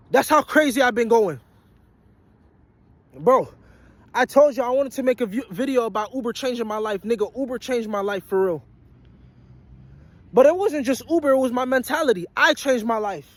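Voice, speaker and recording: In a very high-pitched, expressive voice at a moderate pace, a twenty-something vlogger and aspiring musician pauses often while ranting profanely and bluntly to motivate his viewers. It comes after a long work shift, and he repeats his points over and over; the recording has no echo.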